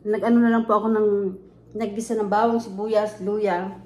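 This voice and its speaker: A woman's voice: medium pitch, flat delivery, moderate pace, warm tone. A Filipino woman hosts a casual eating show in a mid-range voice. She talks while chewing, chatting informally to viewers as she goes through her meal. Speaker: mukbang host.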